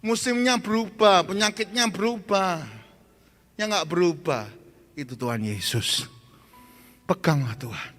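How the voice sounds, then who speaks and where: A high-voiced man preaches a sermon, urging his congregation loudly and then dropping to soft, hushed lines. He acts out people in his stories. The sound carries the long echo of a large hall with faint music underneath. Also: measured pace, long pauses. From Indonesia. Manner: animated storytelling, acts out cries for help; swings between loud exhortation and soft, hushed lines. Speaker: pastor.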